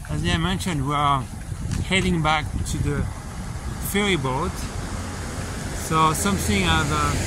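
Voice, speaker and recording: A man casually narrating a travel vlog while walking outdoors, relaxed and unhurried with plenty of fillers, recorded on a handheld camera. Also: a little high. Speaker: travel vlogger. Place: outdoors on a quiet island street. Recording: outdoor street noise behind.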